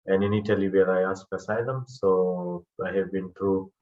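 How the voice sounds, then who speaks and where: Man from Afghanistan, very low voice, hesitant with fillers, muffled video-call audio. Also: level tone, moderate pace, darkish tone. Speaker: panel guest. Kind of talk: online panel talk.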